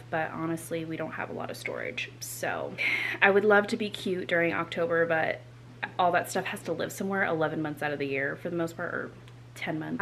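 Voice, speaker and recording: A young woman chatting casually to camera as a vlogger in her home kitchen, relaxed and full of filler words. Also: mid-range voice. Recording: home recording with clear background noise.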